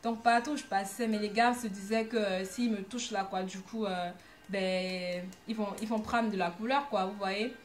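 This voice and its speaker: A young woman vlogging casually, telling anecdotes in an animated, ironic way with lots of hesitations. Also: medium pitch, moderate pace, a little hiss or hum. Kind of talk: casual storytelling vlog.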